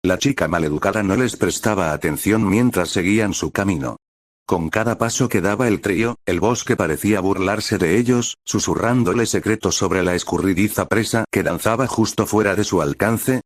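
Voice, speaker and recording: Man, very low voice, steady storybook narration, dry close recording. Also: no room sound.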